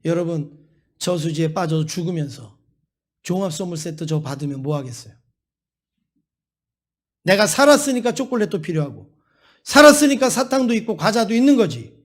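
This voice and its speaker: A high-pitched male pastor preaches a Sunday sermon, moving between storytelling and emphatic, rising exhortation to the congregation. His pitch swings widely, his speed is normal, and he leaves long pauses.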